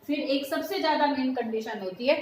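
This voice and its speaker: A middle-aged teacher with a high, darkish-toned voice talks a little fast through her chemistry class. Her explanations are patient, sprinkled with English terms, and she calls the students "beta"; the recording is echoey with faint noise.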